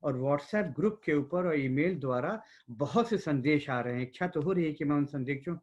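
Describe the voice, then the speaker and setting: A man's voice: fairly high pitch, expressive, darkish tone, slightly rough, dull audio. Courteous man hosting a memorial call. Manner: measured and courteous, with hesitations. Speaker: host of an online memorial meeting. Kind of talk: formal memorial moderation. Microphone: video call.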